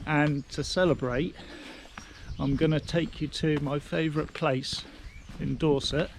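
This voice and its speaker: A man with an English accent talks through a coastal hike in a slow, easygoing, chatty way, his voice sitting slightly high. Clear outdoor noise runs behind him as he walks the cliffs. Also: steady tone. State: out of breath on a hill. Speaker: vlogger host. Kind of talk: casual walking vlog narration.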